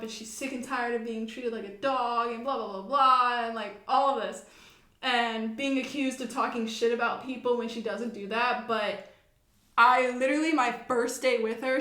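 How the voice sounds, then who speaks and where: A young woman co-hosting a podcast, telling a workplace story in a lively, animated way with frequent laughs. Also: on the high side. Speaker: podcast co-host. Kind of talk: casual chat. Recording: echoey room.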